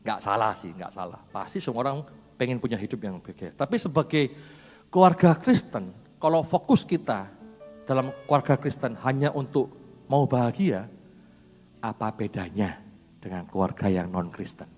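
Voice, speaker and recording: A man's voice: medium pitch, lively intonation, moderate pace, a little mellow. A man, a pastor, preaching a sermon in a chatty storytelling manner and laughing often. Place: church hall. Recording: reverberant church hall, faint music.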